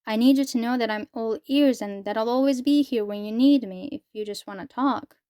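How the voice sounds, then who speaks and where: A woman's voice: a little high, brisk, warm tone, clean tone, dry recording, studio quality, natural voice. A woman reading a syrupy, doting mother. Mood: sugary. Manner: syrupy, generic endearments. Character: overly sweet, affectionate adult mother.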